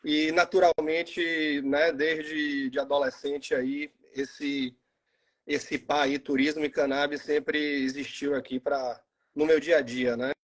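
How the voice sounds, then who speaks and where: A man in his forties from Salvador with a Bahian Brazilian accent, chatting casually as a guest on a live video call and pausing often with fillers. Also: a little high. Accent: Bahian Brazilian Portuguese. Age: 40s. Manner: relaxed, halting with frequent fillers. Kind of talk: casual live stream chat. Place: at home in Salvador.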